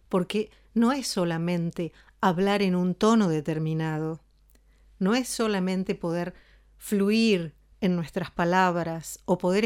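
Calm woman teaching voice. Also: lowish voice. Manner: calm, explanatory, demonstrates ways of speaking. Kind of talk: spoken voice lesson.

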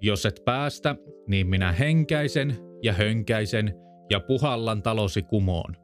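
A man's voice: lowish voice, soft background music, lightly acted. A man voicing a sly, menacing big bad wolf in a storybook reading.

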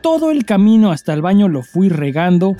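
A podcast co-host with a Mexican accent talks in a slangy, sweary style, his high, mellow voice swinging widely in pitch at a fairly quick pace. Along with casual chat, he gives a dramatized reading of a listener email over music.

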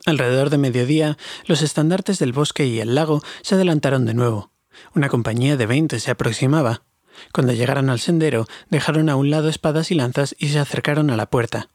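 A man narrating an audiobook in an even, steady storytelling manner. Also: medium pitch, fairly quick, no room sound. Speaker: audiobook reader. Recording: dry homemade recording.

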